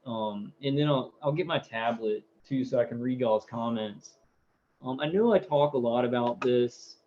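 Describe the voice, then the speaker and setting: A man's voice: mid-range voice, darkish tone. A man in his thirties hosting a casual live stream, rambling through viewer comments with lots of fillers and repeated words. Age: 30s. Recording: dull lo-fi audio.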